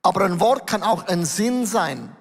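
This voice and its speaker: A man with a high-pitched voice preaches from a church stage and keeps it conversational and lively. He questions his listeners and reads scripture. The voice carries a long hall echo. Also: unhurried. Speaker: pastor. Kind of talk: sermon with scripture reading. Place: church stage before a congregation. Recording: echoey hall reverb.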